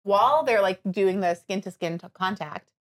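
A woman with a stuffed-up nose tells a long personal story in casual conversation. She talks in an animated, rambling way, with lots of fillers and restarts. Her voice sits at a medium pitch. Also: moderate pace. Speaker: podcast guest telling her birth story. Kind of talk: casual chat.

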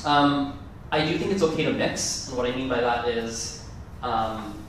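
At a measured pace, a man with a medium-pitched, somewhat bright voice delivers a rambling, informal conference talk, often fixing his words mid-sentence. He's a native Gujarati speaker; there's a little hiss or hum, and the distant mic records the echoing large room.

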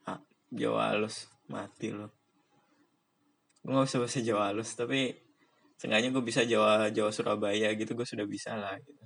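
A man's voice: fairly low pitch, little pitch movement, fairly quick, gravelly, long pauses, fairly bright tone. A young man from Indonesia talking casually on his own, rambling in slang with frequent laughs. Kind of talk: casual monologue.

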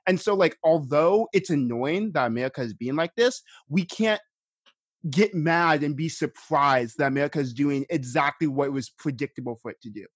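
Calm young man laying out his reasoning. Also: on the high side, normal speed, husky, no echo. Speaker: podcast co-host. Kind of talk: casual podcast chat.

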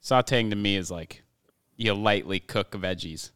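A man's voice: lowish voice, a little slow, fairly bright tone, clean tone, no room sound, clean studio sound. A young man co-hosting a podcast in casual chat, joking around, with a nagging cough. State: has a cough. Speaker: podcast co-host.

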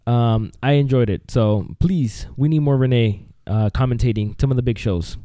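A man's voice: medium pitch, moderate pace, warm tone, no echo, clean studio sound. A man co-hosting a wrestling podcast, talking loosely and rambling, with "dude" dropped in often. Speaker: podcast co-host. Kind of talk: casual wrestling podcast chat.

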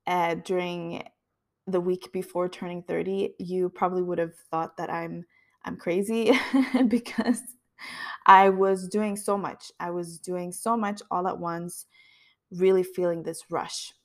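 Unhurried and steady in tone, a woman of about thirty hosts a podcast with a reflective, heartfelt personal monologue. Her pitch is fairly low.

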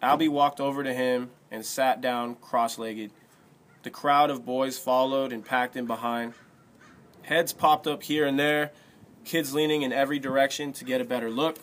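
Male narrator for an audiobook; steady, even storytelling read. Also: mid-range voice, normal speed.

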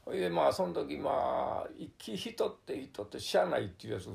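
An older man with a strong Kansai Japanese accent and a deeply gravelly voice recounts his survival in an oral-history testimony. His pitch moves around a lot, and he tells the story vividly, with sound words and many fillers. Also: very animated, brisk, a little mellow. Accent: Kansai Japanese, Wakayama dialect.

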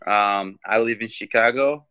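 A man in his twenties from Morocco, a guest on a podcast, telling his story in a halting way with many ums and restarts. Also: on the low side, sharp tone, clear, resonant tone, no echo, muffled recording. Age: 20s. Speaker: guest, professional fighter. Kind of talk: casual interview talk.

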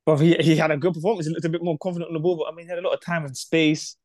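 A man's voice: a little high, little pitch movement, racing, no room sound, clean studio sound. A man with a London roadman accent chatting casually about football, slangy and sweary. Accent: London, urban street slang. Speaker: football podcast panellist. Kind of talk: casual chat, football banter.

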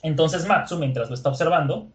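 A man's voice: fairly high pitch, brisk. A man casually retelling an anime story, laughing and searching for words.

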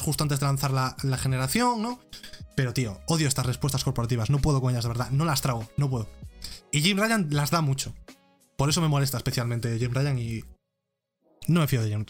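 Animated man with a Spain accent. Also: fairly high pitch. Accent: Spain Spanish. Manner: animated, blunt, swears freely. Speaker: host of a live gaming show. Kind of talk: ranting live-stream commentary. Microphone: close desk microphone.

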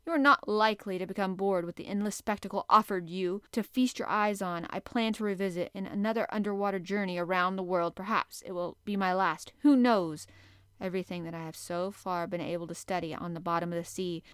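A stern, proud sea captain, voiced by a woman reading a novel aloud speaks with cold, measured force. The voice is smooth and resonant, heard in a dry, close recording. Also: medium pitch, fairly even intonation, no room sound, close to an everyday voice. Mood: grand.

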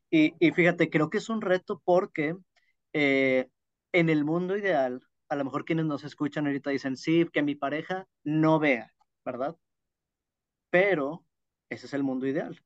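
A man's voice: fairly high pitch, no room sound, dull audio. A man with a northern Mexican accent from Monterrey, talking as a podcast guest in an emphatic, explanatory way. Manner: naturally loud, emphatic way of talking. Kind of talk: conversational podcast interview.

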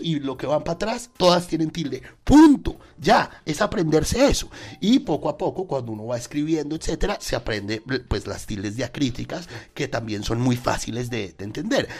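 A man with a Colombian accent, a podcast host casually teaching spelling rules with lively repetition and sound effects. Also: medium pitch.

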